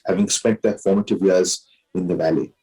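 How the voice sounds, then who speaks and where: Husky, posh Indian man, lower-pitched. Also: steady tone, brisk, dark tone, low-quality recording. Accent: educated, posh Indian English. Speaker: interview guest, alumni society president. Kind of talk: measured explanatory interview answers.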